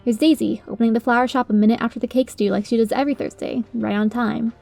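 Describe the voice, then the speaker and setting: Higher-pitched woman narrating a story over music. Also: fairly even intonation, fast, creaky, darkish tone. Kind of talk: first-person dramatic story narration. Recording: music under the voice.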